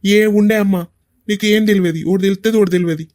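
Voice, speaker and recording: A man's voice: high-pitched, steady tone, very fast, dry recording, studio quality, close to an everyday voice. A man voicing a hot-tempered, bossy young village son in a cartoon, with a Telangana Telugu accent. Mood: angry. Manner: angry, bossy shouting. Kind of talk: cartoon voice acting.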